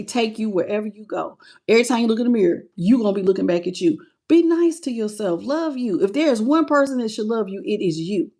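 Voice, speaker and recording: A woman reading tarot cards on a live stream, talking casually and bluntly, teasing and greeting her viewers by name. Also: fairly high pitch. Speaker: tarot reader.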